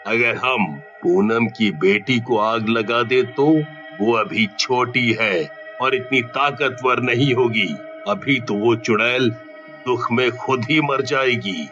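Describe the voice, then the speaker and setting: A determined cartoon villager plotting against witches, voiced by a man. He speaks slowly with a bright, tense tone. The sound is slightly muffled. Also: medium pitch, soft background music. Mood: urgent. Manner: urgent, conspiratorial. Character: determined male villager planning revenge. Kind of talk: cartoon voice acting.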